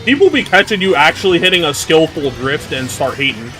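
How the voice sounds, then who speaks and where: A man with a New York accent chatting casually while streaming a racing game, swearing, laughing and reacting loudly. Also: a little high, sing-song, a little fast, soft background music. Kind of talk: casual chat while gaming.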